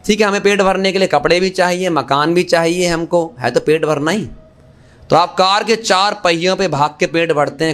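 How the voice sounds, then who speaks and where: A man with a slightly high voice leads a Gita class as a Hare Krishna preacher. He is lively and jokes with listeners, poses rhetorical questions, and mixes English phrases into his talk.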